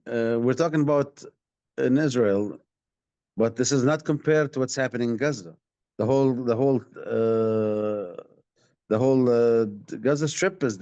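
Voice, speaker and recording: A Palestinian activist from the West Bank, director of a community rights organisation, answers audience questions in a live online talk over a video call. He speaks with an Arabic accent at medium pitch, slightly mellow, halting and often repeating his words. The stream sounds dull and lo-fi, with no echo.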